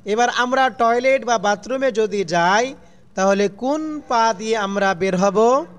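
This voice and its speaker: A man's voice: sits high, unhurried, smooth. A man teaching children a religious lesson, asking questions and answering them himself in a falling tone, call-and-response style.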